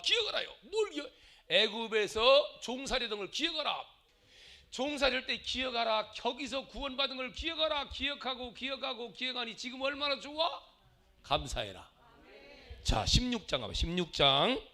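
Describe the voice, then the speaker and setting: A middle-aged male pastor giving a dramatic sermon, acting out angry quarrels and swinging between loud and quiet. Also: very high voice, big pitch swings, moderate pace.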